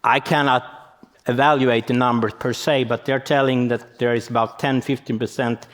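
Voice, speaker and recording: A man gives a conference presentation, explaining as he goes and thinking aloud. His voice sits at an ordinary middle pitch. The sound carries the long echo of a large hall. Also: flat delivery, normal speed. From Sweden. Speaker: conference speaker.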